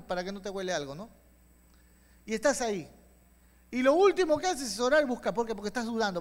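A male pastor preaching a sermon with passion, dropping to quiet asides and rising to loud calls. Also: high-pitched. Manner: impassioned preaching, swings from soft to loud. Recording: long hall reverb.

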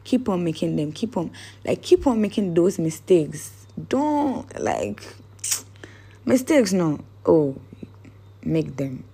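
Woman vlogger, unhurried and gravelly, casual and searching. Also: lowish voice, big pitch swings, dark tone. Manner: rambling, searching for words. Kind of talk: casual motivational talk.

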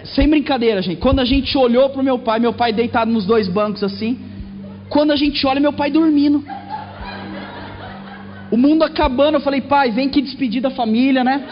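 High-voiced Brazilian preacher telling a comic story. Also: male voice, moderate pace, long pauses, soft background music. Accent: Brazilian Portuguese. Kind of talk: comic testimony from the pulpit. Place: church. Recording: echoey hall, muffled sound.

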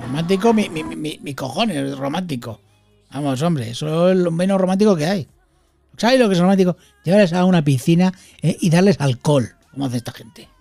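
A man from adds crude, blunt jokes to his co-host's commentary. His voice sits at an ordinary pitch with a rough, gravelly texture. Soft music runs underneath. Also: lively intonation, fairly quick. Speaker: co-host. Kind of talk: casual comedic banter.

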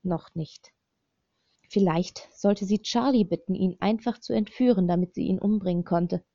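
With a mid-range voice and a moderate pace, a woman narrates a dark thriller audiobook in a steady, even way. The recording sounds slightly dull and dry, with no echo.

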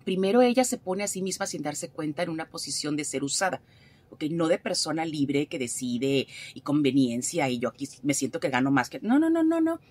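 A woman with a fairly low, husky voice gives advice on talk radio. She is direct and colloquial, talking like a therapist in conversation. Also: brisk, a little mellow. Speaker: therapist, regular radio contributor.

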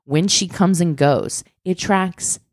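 A woman's voice: on the low side, slow pace, no echo, studio quality. A woman co-hosting a casual podcast, telling a true crime story with lots of "like" and the odd swear word. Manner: animated, swearing, fillers like "like".

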